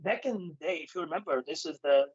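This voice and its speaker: A man talking on a video call whose audio is corrupted and keeps cutting out, speaking haltingly with many fillers. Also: fairly high pitch, slightly rough, no echo, lo-fi sound. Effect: corrupted, glitchy audio cutting out over a bad connection. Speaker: guest on a video call panel. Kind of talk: casual conversational interview.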